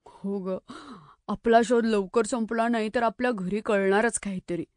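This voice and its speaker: A woman's voice: medium pitch, fairly even intonation, a little slow, darkish tone, no echo, studio quality, natural voice. A woman voicing a young schoolboy who grumbles and teases his friends. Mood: grumbling. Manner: teasing, grumbling.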